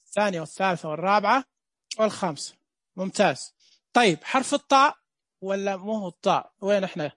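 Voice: mid-range voice, no room sound, studio quality. A Braille teacher gives a casual live online lesson, joking with viewers and repeating dot counts.

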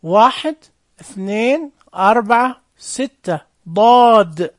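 A woman teacher slowly dictating letters and words in a reading lesson for young children, sounding out each syllable. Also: mid-range voice, lively intonation, no room sound, clean studio sound.

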